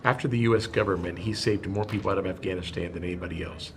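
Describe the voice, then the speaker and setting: A man's voice: deep voice, fast, slight background noise. A man from Cuba hosting a casual interview chat, easygoing and agreeable. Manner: easygoing, affirming with frequent yeahs. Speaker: show host.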